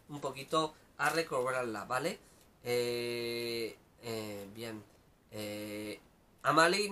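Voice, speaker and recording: A man's voice: medium pitch, fairly bright tone, a little hiss or hum. A man giving a casual live tarot reading, chatty and repetitive, calling out viewers by name. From Spain. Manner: chatty, repeats words, greets viewers by name. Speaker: tarot reader on a live stream.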